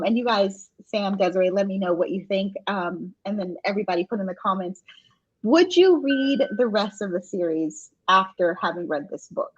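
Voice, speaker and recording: A woman's voice: medium pitch, breathy edge. A woman hosting a book club livestream, chatting casually and laughing often. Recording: dull lo-fi audio.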